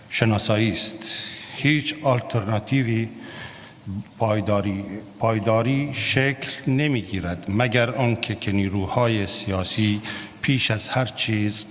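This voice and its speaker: A man with an Arabic accent in his Persian gives a formal prepared political speech, halting and often repeating words. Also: fairly low pitch. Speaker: political party representative, congress speaker. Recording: noisy echoing hall sound.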